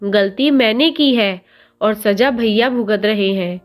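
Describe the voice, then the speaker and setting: A woman's voice: mid-range voice, slow, soft background music, natural voice. A woman voicing a teenage schoolboy who pleads with his sister-in-law in a choked, sobbing voice, in a storybook reading. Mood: pleading.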